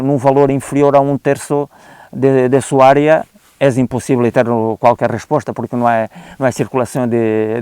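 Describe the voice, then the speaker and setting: A man's voice: mid-range voice, a little mellow, clean tone, dry recording. A man from Portugal with a European Portuguese accent, giving an unscripted explanatory talk on a country estate, hesitant, with frequent "eh" fillers and restarts, and slipping Spanish words into his speech. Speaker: guest expert on oak disease.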